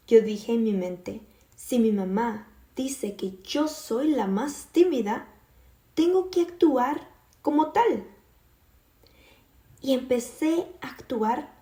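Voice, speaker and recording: Young woman from Puerto Rico giving a faith testimony: earnest, halting, mellow, somewhat high voice, echoey room.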